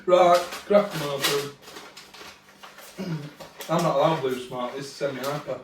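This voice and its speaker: Yorkshire man with a slightly high voice. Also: a little slow, background noise. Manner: blunt, jokey, broad dialect. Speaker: co-host of a cooking channel. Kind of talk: casual chat during a taste test. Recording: echoey room, mic at a distance.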